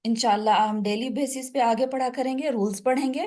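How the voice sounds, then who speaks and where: A woman's voice: a little high, fairly even intonation, darkish tone. A woman teaching tajweed in an online class, explaining step by step and asking her students questions. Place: online video call class.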